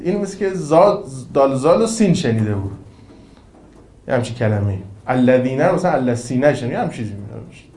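A man giving an informal religious talk in a conversational, animated way, with rhetorical questions and jokes. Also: mid-range voice, echoey room. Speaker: cleric lecturer.

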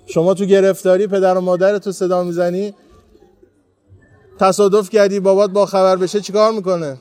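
Earnest high-voiced man preaching to pilgrims. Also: flat delivery, a little mellow, no echo. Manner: storytelling, earnest and heartfelt. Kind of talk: devotional talk to pilgrims. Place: shrine.

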